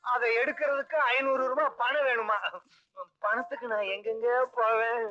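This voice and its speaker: A sly whining swindler, very high and piercing voice, dull old film soundtrack with music. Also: male voice, little pitch movement, normal speed, pushed and bright. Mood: wheedling. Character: scheming sly man swindling a moneylender. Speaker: con man comic hero. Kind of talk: 1980s Tamil film comedy dialogue.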